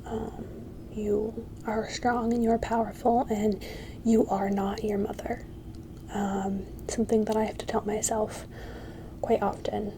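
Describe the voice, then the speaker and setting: A woman giving a whispered ASMR pep talk, soft and halting, reassuring and encouraging. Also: medium pitch, level tone, background noise. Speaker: ASMR creator.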